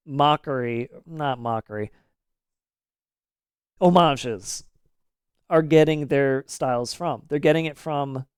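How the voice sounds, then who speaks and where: A man's voice: on the high side, clean tone, no echo, clean studio sound. Ranting man streamer in his thirties. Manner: opinionated, ranty, casual swearing. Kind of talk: live game stream commentary.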